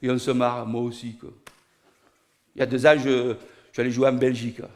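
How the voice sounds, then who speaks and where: A man with a Niçois southern French accent telling a comic monologue, animated and rising to loud outbursts. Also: mid-range voice, brisk. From Nice, southern France. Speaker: stand-up comedian. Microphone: studio recording.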